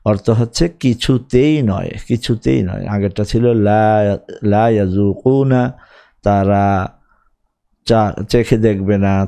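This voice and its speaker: A man with a Bangladeshi Bengali accent teaching an Arabic grammar lesson, reciting verb forms slowly, then explaining them briskly. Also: on the low side, mellow.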